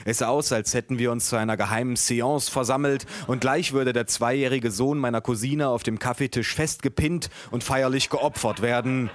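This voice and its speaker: Male author, deadpan comic reading, mid-pitched. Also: normal speed, hardly any pauses.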